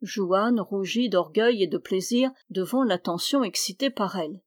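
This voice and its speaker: A woman's voice: medium pitch, a little slow, no room sound, studio quality. Woman reading a novel aloud. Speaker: audiobook reader. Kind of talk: scripted narration of a novel.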